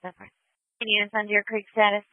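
A woman's voice: mid-range voice, monotone, a little fast, very noisy. A woman working as an emergency dispatcher, giving terse acknowledgements and status checks over a two-way radio. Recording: tinny narrowband police radio audio.

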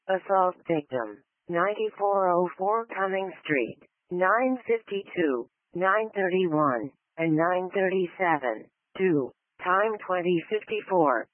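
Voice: mid-range voice, no room sound, narrow, tinny audio. An emergency dispatcher reading formulaic call announcements in a clipped manner, repeating each one, over a radio channel.

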